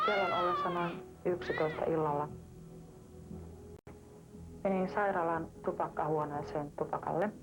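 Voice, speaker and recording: A woman giving a calm, plain first-person account of an experience for a documentary. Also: on the low side, poor audio. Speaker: woman recounting an abduction experience. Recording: voice with music playing behind.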